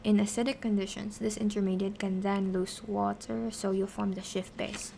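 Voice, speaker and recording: A woman's voice: medium pitch, little pitch movement, normal speed, creaky, warm tone, a little hiss or hum. A woman explaining science casually on a study stream, posing questions and answering them, half talking to herself as she works through them. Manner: talks to herself while working through answers. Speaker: streamer teaching biochemistry.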